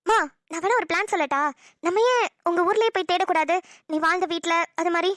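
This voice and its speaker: A woman's voice: extremely high pitch, fairly quick, fairly bright tone, dry recording, clean studio sound. A woman voicing a cheerful, teasing college-age daughter in a cartoon, talking in a chirpy voice. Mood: coaxing. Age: young adult. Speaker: voice actor. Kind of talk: cartoon dialogue acting.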